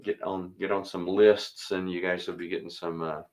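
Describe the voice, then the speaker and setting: Deep voiced pastor guy, laid back chat, thinks out loud, chuckles now n then. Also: flat delivery, moderate pace. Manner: easygoing, thinks aloud, chuckles between thoughts. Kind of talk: casual chat and spoken prayer.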